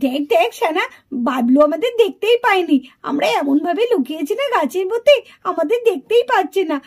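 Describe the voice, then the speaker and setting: A woman's voice: extremely high pitch, expressive, a little fast. A woman voicing curious, scheming village girls in a puppet cartoon, chattering and gossipy.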